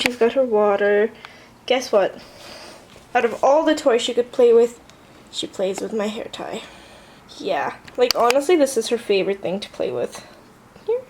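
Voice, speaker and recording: Showing viewers around her home, a southern Californian teen girl does a casual plant tour vlog in her apartment room and bathroom. Her voice sits on the high side with a darkish tone, a slight Armenian Russian accent, and lots of fillers, over poor audio with slight background noise.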